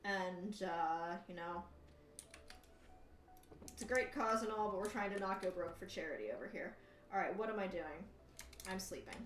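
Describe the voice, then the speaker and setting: A woman with a mid-pitched voice gives casual live commentary on her game. She thinks aloud and addresses viewers with understated, dry wit. The sound is roomy and a little distant from the mic. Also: normal speed, long pauses. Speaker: livestreamer hosting a charity gaming stream. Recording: roomy echo, off-mic, faint background noise.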